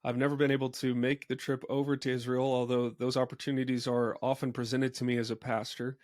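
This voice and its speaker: A man's voice: medium pitch, level tone, fairly quick, darkish tone, no room sound, studio quality. A man from the United States, a pastor hosting a podcast, speaking in a friendly, plain way and asking long winding questions. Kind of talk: conversational podcast interviewing.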